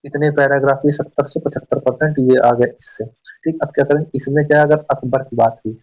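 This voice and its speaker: A man gives a quick, informal exam-prep lesson, often putting a question and then answering it himself. He sits a little back from the mic, and the recording sounds muffled and lo-fi. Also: medium pitch, steady tone, darkish tone. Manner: fast, chatty, often asks and answers own questions. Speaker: exam coaching teacher. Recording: dull, slightly distant mic.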